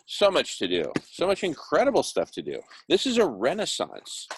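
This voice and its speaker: Heard through earbuds on an online video call, a man hosts a group discussion in a highish voice whose pitch swoops wildly. He talks at a normal speed, casually and at length, full of enthusiastic, idealistic, rambling visionary ideas and emphatic repetition. The audio is poor, with slight background noise.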